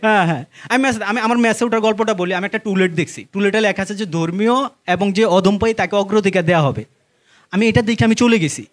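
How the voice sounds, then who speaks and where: A man's voice: high voice, fast talker. A young man with a Bangladeshi accent doing conversational stand-up comedy, telling stories to a laughing crowd. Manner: conversational storytelling, addressing the audience and acting out dialogue. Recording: live stage recording with faint noise.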